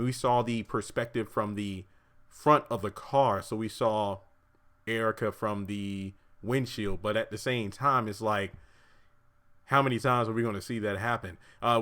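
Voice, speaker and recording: A man giving a chatty, animated review of a TV episode from his apartment, often laughing and acting out the characters' lines. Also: lowish voice, moderate pace. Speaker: show reviewer.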